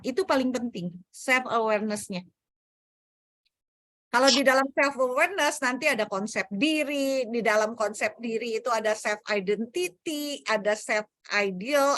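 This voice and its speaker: A woman's voice: fairly high pitch, a bit bright, no room sound, clean studio sound. A woman giving a self-development talk, answering audience questions in a casual, explanatory way and mixing in English terms. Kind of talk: online Q&A talk.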